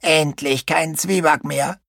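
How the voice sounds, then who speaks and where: A man voicing a greedy, eager ship's rat in a children's audiobook, in a high, squeaky, drawn-out voice. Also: expressive, gravelly, fairly bright tone, dry recording, studio quality, exaggerated voice. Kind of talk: audiobook character voice.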